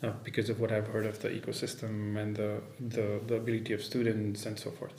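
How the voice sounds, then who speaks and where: A man from Nepal, a startup founder, speaking as a podcast guest in a measured way with many fillers. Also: on the low side, completely flat delivery, darkish tone. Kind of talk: casual interview. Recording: echoey room, faint background noise.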